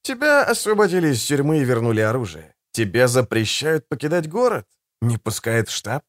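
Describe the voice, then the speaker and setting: A man reading an audiobook, voicing a suave, condescending male assassin in a soft, low, silky voice. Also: big pitch swings, a little fast, no room sound, studio quality, natural voice. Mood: silky, ironic. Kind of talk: audiobook character voice.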